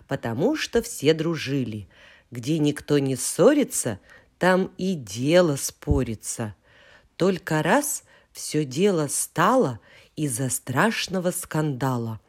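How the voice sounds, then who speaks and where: A woman reciting a children's poem in an expressive, playful storytelling manner. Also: low voice, husky. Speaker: reader.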